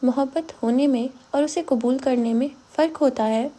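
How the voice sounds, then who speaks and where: A woman reading an audiobook, voicing a calm young man who speaks softly and tenderly. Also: very high voice. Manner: calm, soft-spoken.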